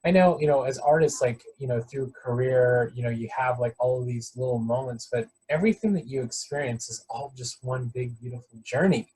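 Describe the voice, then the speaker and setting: A man's voice: mid-range voice, brisk, hardly any pauses, warm tone, slightly rough, poor audio. A man hosting an interview, upbeat and encouraging, with many "you know" fillers. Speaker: interview host. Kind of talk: casual interview chat.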